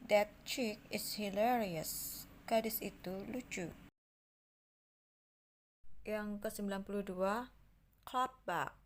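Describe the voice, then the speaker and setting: A woman teaching a language lesson on English slang, reading each example sentence slowly and carefully, then translating it. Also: medium pitch, a little hiss or hum.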